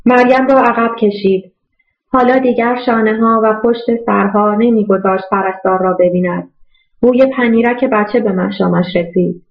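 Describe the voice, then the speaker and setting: A woman narrates a novel in a steady, even voice at a middle pitch. The recording sounds dull and lo-fi, like an older audiobook. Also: vocal fry. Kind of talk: scripted narration.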